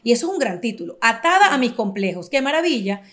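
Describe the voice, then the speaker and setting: A Venezuelan woman in her forties with a high voice hosts a casual podcast. She talks in an expressive, emphatic way and often turns to address her listeners. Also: fast. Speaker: podcast host.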